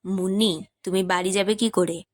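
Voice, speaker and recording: A woman voicing a restless married man in an audiobook, speaking his lines lower. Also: fairly even intonation, moderate pace, no echo, close to an everyday voice. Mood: gentle. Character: married man narrator, Lalatuda, wistful and restless.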